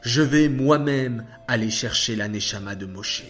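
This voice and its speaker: Gentle, measured divine voice from a male storyteller, very unhurried. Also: medium pitch, faint music behind, close to an everyday voice. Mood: calm. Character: calm, kind divine voice addressing angels and a prophet.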